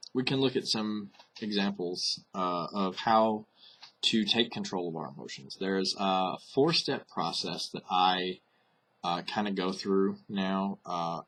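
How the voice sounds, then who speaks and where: A man's voice: low voice, a bit bright, slight background noise. A man hosting a casual monologue, thinking aloud with frequent fillers and restarts. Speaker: host.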